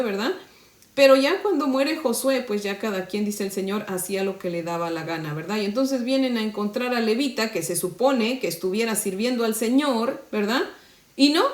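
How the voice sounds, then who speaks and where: A woman's voice: on the high side, echoey room. A woman from Mexico, teaching the Bible to women in a conversational devotional style and often checking in with her listeners. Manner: conversational, often asks "¿verdad?".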